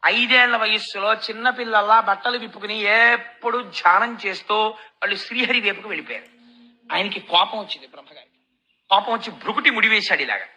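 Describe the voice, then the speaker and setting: Bright-voiced woman giving a scripture discourse. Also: medium pitch, poor audio. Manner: explanatory, often asks and answers her own questions. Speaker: devotional storyteller.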